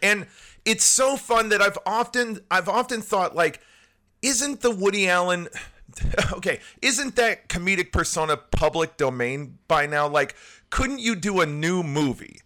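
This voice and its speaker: A man who writes TV comedy, talking animatedly as a podcast guest in casual chat, with quick laughing asides. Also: high-pitched, expressive, pushed and bright.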